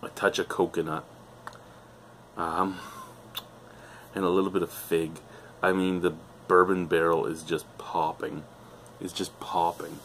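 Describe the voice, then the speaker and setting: Middle-aged guy with a real low voice, gushing about a beer at home, swears a lot, faint hiss behind. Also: level tone, unhurried, creaky, pauses often, fairly bright tone. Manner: enthusiastic, swears freely, rambling. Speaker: beer reviewer. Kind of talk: casual beer review vlog. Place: living room at home, indoors.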